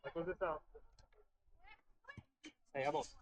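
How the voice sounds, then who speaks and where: A man coaching from the sideline of an outdoor match, shouting loud, repetitive commands to his players. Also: slow. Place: outdoor sports pitch in light rain. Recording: clear outdoor background noise.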